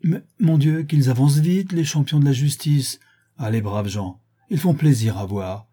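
A suave gentleman thief, put on by a male reader, teasing and grandiloquent in a raised, bright-edged tone. The voice stays husky and mellow underneath, full of ironic flourish. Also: mid-range voice, normal speed, pitched above the performer's own voice, natural voice. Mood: mocking. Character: suave, mocking gentleman thief, adult man.

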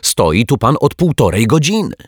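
A man voicing a gruff, blunt cleaning lady in a children's audiobook, scolding and suspicious. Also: lowish voice, sing-song, normal speed, dry recording, studio quality, voice pushed up, full character voice. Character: gruff grumbling older female cleaning lady.

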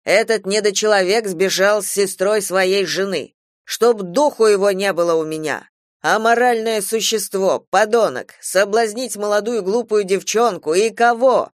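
A woman voicing a reasonable middle-aged uncle who talks in a calm, lecturing way, with a dry close sound. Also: mid-range voice, normal speed, no room sound, natural voice. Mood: outraged.

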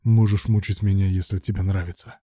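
A man's voice: low voice, level tone, fairly quick, dark tone, breathy edge, no echo, clean studio sound. A man reading as a pleading adult lover. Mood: resigned.

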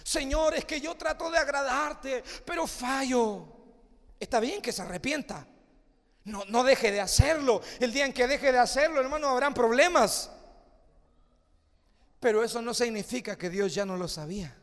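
A male pastor preaching a sermon, telling a story and acting out its voices, moving from hushed to shouting. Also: very high-pitched, lively intonation, normal speed, long reverb tail. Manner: acts out story voices, swings from soft to shouting.

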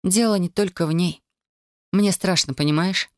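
A man's voice: high-pitched, no room sound, clean studio sound, voice pushed up, natural voice. A man voicing a hesitant frightened wife. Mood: anxious. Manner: soft, halting, tremulous. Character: anxious, hesitant adult woman, the hero's wife. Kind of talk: audiobook dialogue.

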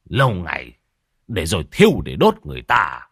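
Man doing a slow, knowing old geomancer. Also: deep voice, wildly swooping pitch, creaky, a bit bright, breathy edge, no room sound, studio quality, full character voice. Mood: explaining. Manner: slow, lecturing. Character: older male geomancer, calm and knowing.

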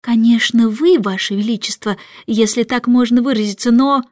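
A woman's voice: on the high side, moderate pace, a little mellow, dry recording, clean studio sound, natural voice. A woman playing a stern, hedging lord chancellor.

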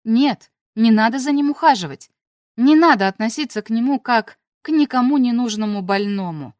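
A woman's voice: a little high, expressive, normal speed, darkish tone, dry recording, studio quality, natural voice. A woman reading as a touchy proud young man. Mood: insistent. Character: proud young male outsider, touchy and defensive.

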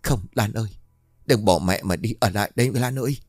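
A man's voice: on the low side, fairly quick, a little mellow, no room sound, clean studio sound, soft background music, lightly acted. Man voicing a grieving village mother.

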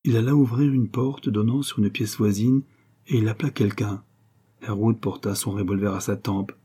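A man narrating a French literary story as an audiobook, in a measured, even way. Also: fairly low pitch, breathy edge.

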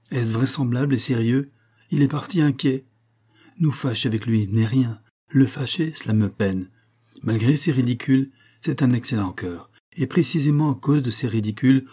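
A man reading a gentle, resolute young woman. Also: medium pitch, normal speed, breathy edge, close to an everyday voice. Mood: pained. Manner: soft yet firm, pained.

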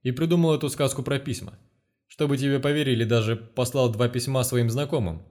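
A man's voice: medium pitch, steady tone, brisk, darkish tone, lightly acted. A stern, commanding male investigator, read by a man narrating the book. He speaks bluntly and with open contempt, close to the reader's own voice. An audiobook character reading. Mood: lecturing.

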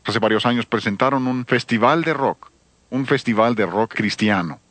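A man's voice: mid-range voice, moderate pace, fairly bright tone, no echo. A man giving an emphatic sermon-style seminar talk on church music, addressing listeners with rhetorical questions.

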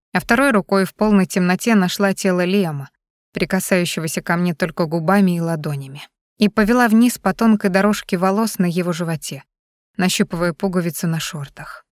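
A woman's voice: mid-range voice, dry recording. Woman narrating an intimate story, dry sound. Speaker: audiobook narrator. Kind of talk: first-person narration of an erotic novel.

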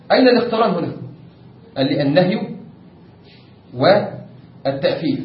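A man with an Egyptian accent teaching a class on Islamic jurisprudence, explaining step by step and often checking whether the class follows. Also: high voice. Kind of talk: classroom lecture. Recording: echoey room, distant lo-fi mic with faint noise.

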